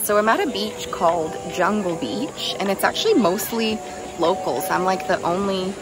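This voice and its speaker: A woman's voice: medium pitch, expressive, moderate pace, loud music behind the voice. A young woman from Canada talking casually to her phone camera while traveling, upbeat and chatty, saying "like" often. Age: young adult. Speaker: travel vlogger. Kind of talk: casual vlog narration. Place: outdoors on beaches and streets, also indoors. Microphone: phone at arm's length.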